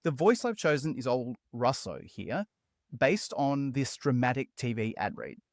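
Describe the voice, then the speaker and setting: The male host of a construction tutorial keeps his voice-over upbeat and chatty, with lots of sing-song pitch movement and an unhurried delivery. There's no echo, just a dry, up-close sound.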